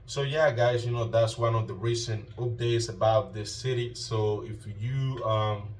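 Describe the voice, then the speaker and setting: Hosting a casual YouTube vlog, a Colombian man speaks slangy, informal Spanish-accented speech, circling back over phrases and saying "you know" a lot. His lowish voice keeps a steady tone at an unhurried pace. The mic sits a little away from him.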